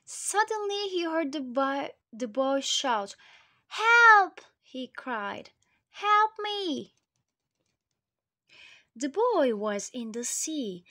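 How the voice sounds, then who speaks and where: A woman reading a storybook aloud to children, slow and expressive, speaking to them directly. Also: high voice.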